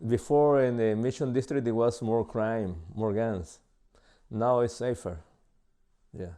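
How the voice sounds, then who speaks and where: Speaking with a Salvadoran Spanish accent, this man in his sixties from El Salvador responds to an interviewer in broken, hesitant English, pausing often, saying "uh" and starting over. His voice is mid-range, steady and mellow.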